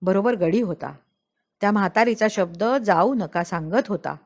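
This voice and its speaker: A woman narrating a memoir as an audiobook, telling it in a deliberate, dramatic storyteller's manner. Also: mid-range voice, a little mellow. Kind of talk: expressive audiobook reading of a memoir.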